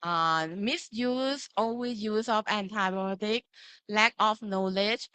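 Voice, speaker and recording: A woman from Thailand lectures pharmacy students online with slides, interacting with them, using simple phrases in a Thai accent, and often checking they follow. Her mid-range voice is smooth, a bit bright, and slow, in a dry recording.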